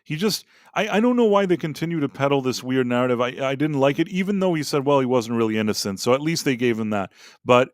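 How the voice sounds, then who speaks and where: A man in a casual pop culture chat, talking bluntly and rambling through his opinions with lots of restarts. His voice sits at an ordinary middle pitch. It is recorded close and dry, with no room sound. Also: expressive, quick pace, dry recording. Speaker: podcast co-host.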